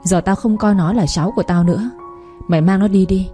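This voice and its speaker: A woman voicing an angry older mother-in-law who scolds and curses in a fast, harsh voice. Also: medium pitch, mellow, faint music behind, lightly acted. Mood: furious.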